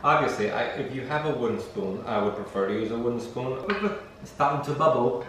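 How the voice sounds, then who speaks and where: A man's voice: mid-range voice, a little fast, a bit bright. Echoey, distant man giving a jokey cooking demo. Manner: jokey, playful asides with dry self-deprecation. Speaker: home cook hosting a recipe video. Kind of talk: casual, rambling cooking demonstration. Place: indoors at a stove, echoey room. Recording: echoey, distant mic with faint noise.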